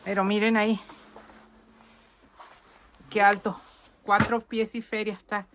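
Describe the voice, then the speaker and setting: A woman's voice: medium pitch, flat delivery, takes it slowly, a bit bright. A woman, chatting casually to her viewers while filming a snowy yard on her phone outdoors. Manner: chatty, addresses viewers constantly. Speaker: vlogger. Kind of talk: casual vlog walkthrough. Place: outdoors in deep snow.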